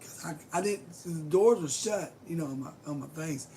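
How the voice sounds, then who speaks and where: Hoarse and losing her voice, a middle-aged vlogger chats in a rambling, casual livestream from her bedroom, greeting viewers, cursing lightly and occasionally whispering. She speaks at normal speed in a low, dark voice over a slight hiss or hum.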